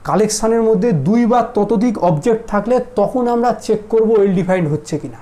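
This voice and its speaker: A man's voice: high-pitched, animated, moderate pace, mellow. Male tutor, casual lecture; teasing, keeps quizzing students with check questions. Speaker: mathematics teacher.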